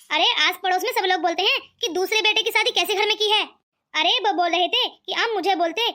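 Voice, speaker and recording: This is a greedy mother-in-law in a cartoon who scolds her daughter-in-law, with a woman doing the voice. The voice sits very high and sounds bright and forceful. She talks in a sharp-tongued, nagging way. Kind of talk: cartoon voice acting.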